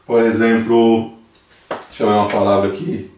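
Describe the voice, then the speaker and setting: A man with a Brazilian Portuguese accent teaching a language class, patiently repeating words slowly for his students. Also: fairly low pitch, little pitch movement, a little mellow. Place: church hall classroom. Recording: echoey church hall from far off, faint noise.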